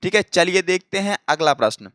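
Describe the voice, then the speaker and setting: A man's voice: high voice, lively intonation, fairly quick, a bit bright, no room sound. A man teaching an exam-prep Hindi grammar lesson, repeating points and often checking that students follow. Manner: repetitive, checks understanding often. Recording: dry close recording.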